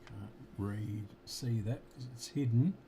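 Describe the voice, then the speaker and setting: A man's voice: fairly low pitch, dark tone, a little hiss or hum. An Australian man casually talking through a radio repair at his workbench, muttering to himself as he works and now and then talking with his mouth full. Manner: slow, muttering to himself while working. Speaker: electronics repair hobbyist.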